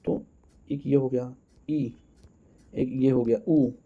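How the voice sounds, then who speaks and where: A man teaches an exam-prep lesson in a very dark, husky voice. He asks questions and counts out the answers aloud, calling his viewers friends. The recording sounds dull and lo-fi. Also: mid-range voice, fairly even intonation, takes it slowly.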